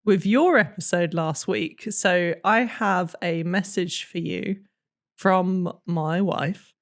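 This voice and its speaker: A woman's voice: fairly low pitch, takes it slowly. A woman co-hosting a podcast in casual chat, giggly and playful, often laughing and teasing her friend. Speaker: podcast co-host.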